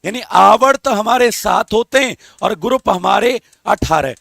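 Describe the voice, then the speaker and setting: High, gravelly male teacher coaxing students. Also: animated, measured pace, a bit bright, dry recording, studio quality. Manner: coaxing, calls students beta and babu, asks for comments. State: strained throat, talking softly. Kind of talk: live online exam-prep lesson.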